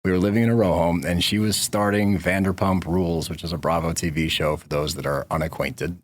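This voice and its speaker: A man with a very low, deep voice tells stories as a guest in a casual podcast conversation. His delivery is laid-back and slangy, easy and unhurried. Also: steady tone.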